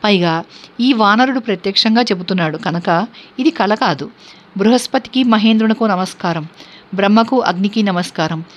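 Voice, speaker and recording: A woman voicing a grieving, devoted young princess held captive, in a scripture reading, with steady, earnest recitation and a dull lo-fi sound. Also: mid-range voice, normal speed, natural voice. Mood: anxious. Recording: dull lo-fi recording.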